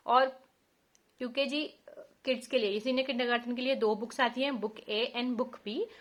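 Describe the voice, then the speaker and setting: A woman's voice: fairly high pitch, fairly bright tone. A woman in her thirties with an Indian accent, walking parents through a children's phonics book and spelling out letter sounds patiently. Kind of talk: teaching walkthrough.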